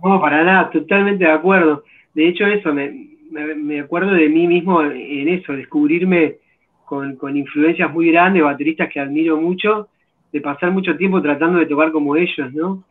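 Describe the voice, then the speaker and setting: A man's voice: a little high, steady tone, normal speed. Man on a tinny call. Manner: thoughtful, agreeable, hesitant restarts. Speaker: guest drummer. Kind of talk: interview answers over a video call. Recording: tinny phone-like video call audio.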